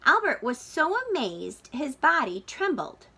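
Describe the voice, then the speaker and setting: Reading a children's picture book aloud, a woman whose voice sits high takes a teacher's approach, using expressive, deliberate and dramatic phrasing aimed at young listeners.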